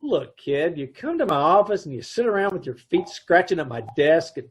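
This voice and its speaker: In an old-time radio comedy heard over a video call, a man plays a wisecracking advertising man who also narrates, delivering his lines deadpan and dry. His voice is a little high, a little fast, and husky.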